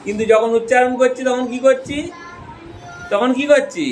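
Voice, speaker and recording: A man's voice: extremely high pitch, steady tone, normal speed, faint music behind, poor audio. A man teaching a grammar lesson, explaining step by step and often asking checking questions.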